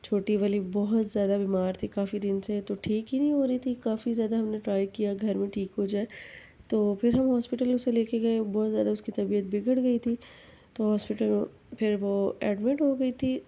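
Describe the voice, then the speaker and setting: A young mother narrates her family vlog in an even, flat tone that barely rises or falls. She speaks calmly and without hurry, with a quiet note of worry, into a phone. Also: medium pitch. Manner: calm, unhurried storytelling with mild worry.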